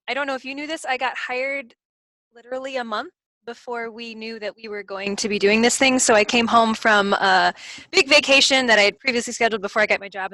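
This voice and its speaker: A woman's voice: a little high, bright, forceful tone, no echo, poor audio. A woman librarian speaking as a guest on a video call, chatty and modest. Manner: modest, chatty, laughs easily. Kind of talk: casual video call talk.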